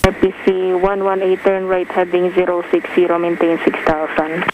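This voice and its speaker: Lady air traffic controller on radio, monotone, muffled and staticky. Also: on the low side, normal speed. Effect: air traffic radio transmission. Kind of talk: radio instructions, procedural.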